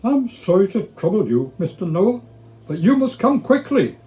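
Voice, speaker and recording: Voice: medium pitch, very animated, moderate pace, mellow, highs cut off, voice pushed up, lightly acted. A performer voicing an urgent, loyal and suspicious lion in a storybook reading, speaking in a hurry. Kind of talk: storybook character voice.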